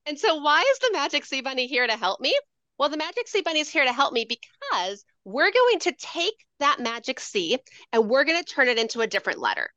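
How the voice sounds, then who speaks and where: Woman educator, bright high voice that swoops a lot, playful sing-song teacher delivery, dry slightly dull video-call sound. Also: big pitch swings, a little fast, no room sound. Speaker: educator demonstrating handwriting. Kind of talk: lively teaching demonstration over video call.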